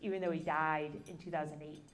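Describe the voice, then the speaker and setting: A woman's voice: low-pitched, steady tone, brisk. Dry, self-deprecating female comedian. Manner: dry, self-deprecating, casual with filler likes. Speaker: stand-up comedian. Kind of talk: stand-up comedy set. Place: comedy club stage. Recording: live audience laughter.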